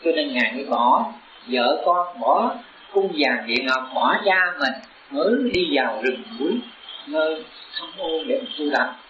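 A Buddhist teacher with a fairly high, sharp, expressive male voice preaches to his disciples at a measured pace, his earnest exhortation rising to urgent emphasis. The roomy, echoing recording sounds dull and lo-fi, with a little hiss or hum.

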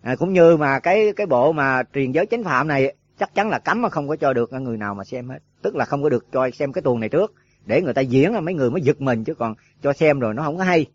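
A man's voice: mid-range voice, lively intonation, fast, no echo. A man giving a rambling dharma talk to monks, full of filler words and rhetorical questions. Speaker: Buddhist monk teacher. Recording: dull lo-fi dry recording.

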